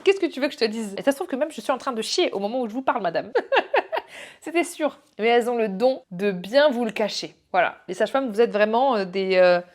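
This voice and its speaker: A young woman vlogger candidly recounting a personal story, animated, acting out the voices she quotes and laughing often. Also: on the high side, brisk.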